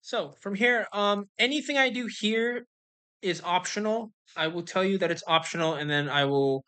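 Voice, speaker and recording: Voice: mid-range voice, moderate pace, sharp tone, smooth. Casual gamer talking through a walkthrough. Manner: instructional, talks through each move as it happens. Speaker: gameplay streamer giving a walkthrough. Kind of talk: casual live game commentary.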